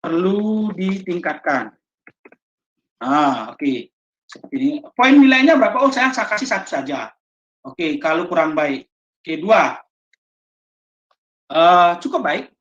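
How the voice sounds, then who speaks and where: Indonesian lady teaching a training session, slow and halting, lots of ums, low voice, muffled sound. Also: expressive. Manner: slow, halting explanation with many fillers. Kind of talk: online training lesson. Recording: dull lo-fi audio.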